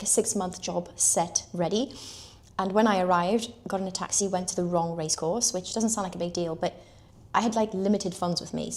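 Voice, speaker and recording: A young woman from the UK telling a personal story in a chatty way, with lots of "like" and animated retelling. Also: fairly low pitch. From United Kingdom. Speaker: equestrian telling her story.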